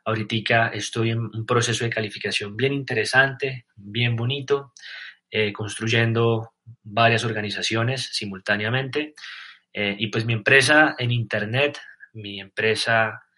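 A man's voice: medium pitch, fairly even intonation, measured pace, pushed and bright. A man with a Colombian accent giving a live motivational talk on leadership, earnest, putting direct questions to the listener. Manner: earnest, many fillers and restarts, asks the listener direct questions.

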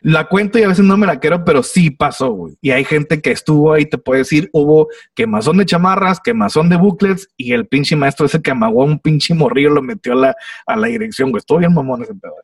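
A man's voice: on the high side, brisk, slightly rough, no echo, recorded from a distance. Slangy young Mexican man telling a wild story. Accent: Mexican Spanish. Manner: slangy, swearing, animated storyteller with restarts. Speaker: podcast guest. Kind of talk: casual storytelling chat. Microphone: video call.

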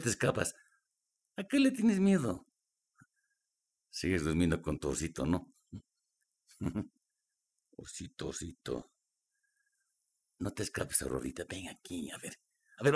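An actor playing a domineering man who wheedles and then turns bossy and sharp, in a low, husky voice. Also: full character voice. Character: domineering adult man, coaxing then menacing. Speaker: mother's partner.

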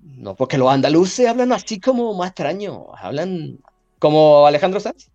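A man's voice: a little high, normal speed, dull audio, faint music behind. A man with a Mexican accent hosting a podcast in casual, joking chat and reading out listener comments. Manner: animated, jokey, reads listener comments. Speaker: podcast host.

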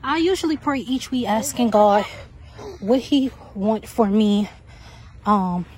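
A woman's voice: on the high side, slow pace, a little mellow, slight background noise. A woman podcast host, out of breath from walking outdoors on a track, giving casual, repetitive faith encouragement. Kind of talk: faith-based encouragement talk.

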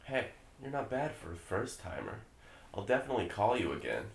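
A man voicing a creepy predatory nineteen-year-old, speaking in a hushed, sleazy, menacing way. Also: lowish voice, very animated, brisk, vocal fry, roomy sound. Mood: sleazy menace.

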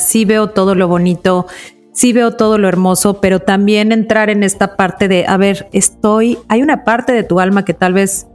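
A woman co-hosting a podcast who asks gentle, reflective, open questions in an interview chat. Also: mid-range voice. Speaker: podcast co-host.

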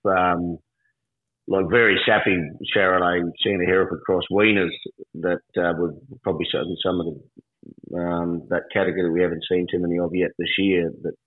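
A man's voice: deep voice, breathy edge. A man with a rural Australian accent giving a casual livestock market report on radio in a laconic, colloquial outback drawl. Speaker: livestock agent interviewed as guest. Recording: roomy, phone-like line.

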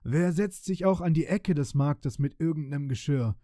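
Male reader as a stern disguised-king beggar, firm and dark, dry close sound. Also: fairly high pitch, moderate pace, dry recording, lightly acted. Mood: scolding. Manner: firm, scolding.

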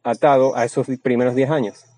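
A man's voice: medium pitch, steady tone, brisk, dark tone, dry recording, low-quality recording. A man giving a blunt, crude and boastful seminar talk as a Spanish voice-over, often restarting his phrases. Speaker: seminar speaker.

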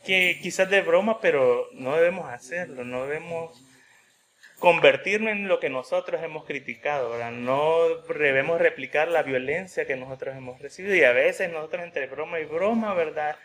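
A man's voice: a little high, moderate pace, a bit bright, a little hiss or hum. A man preaching a sermon in a conversational way, telling a personal story and often adding a questioning tag.

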